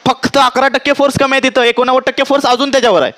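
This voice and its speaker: वेगवान, उंच आवाजातील मराठी शिक्षक. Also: male voice, very high voice, fairly even intonation, racing, a bit bright. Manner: keeps checking if students understood. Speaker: teacher. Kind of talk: classroom physics lesson.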